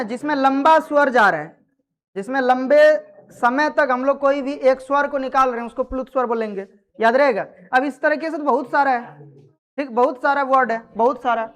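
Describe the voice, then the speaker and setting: A woman with a fairly high voice teaches a grammar lesson in a classroom. She keeps quizzing her students to check they understand. She scolds them sharply when they act up.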